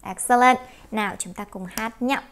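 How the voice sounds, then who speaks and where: A woman with a Vietnamese accent teaching English through a song, explaining slowly, repeating words and singing lines. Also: fairly high pitch, fairly bright tone, slight background noise. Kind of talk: song-based English pronunciation lesson.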